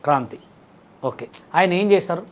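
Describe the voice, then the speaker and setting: A man hosting a casual interview, coaxing and directing his guest with brisk prompts. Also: high-pitched, expressive, slight background noise. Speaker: interviewer host.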